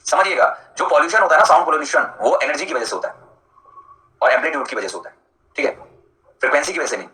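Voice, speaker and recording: A male teacher runs a live online lecture at a brisk clip. His voice is bright and forceful, and he keeps it chatty and jokey, breaking off to answer students by name. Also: a little high, very animated, roomy sound, rough recording.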